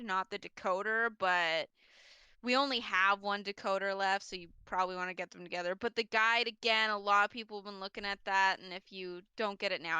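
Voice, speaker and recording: A woman's voice: medium pitch, bright, forceful tone, clear, resonant tone, dry recording. A woman playing a tabletop role-playing game, chatting in a laid-back way with lots of fillers and laughs. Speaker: player. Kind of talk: tabletop role-play, casual chat.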